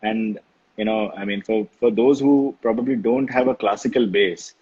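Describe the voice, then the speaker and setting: Male host, husky gravelly voice, encouraging, muffled sound. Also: fairly low pitch, normal speed, a little mellow. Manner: encouraging, frequent short acknowledgements. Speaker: interview host. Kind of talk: relaxed interview conversation.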